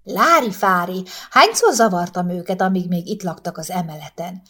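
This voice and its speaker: A woman's voice: fairly low pitch, expressive, a bit bright, husky. A woman voicing a nosy, suspicious older wife who complains indignantly about the new neighbors. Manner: indignant, complaining, rapid outpouring.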